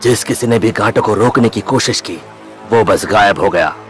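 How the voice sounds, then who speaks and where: An actor dubbing a grave, worried old bridge builder in an anime, explaining at length. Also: male voice, lowish voice, normal speed, faint music behind, lightly acted. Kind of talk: anime dub acting.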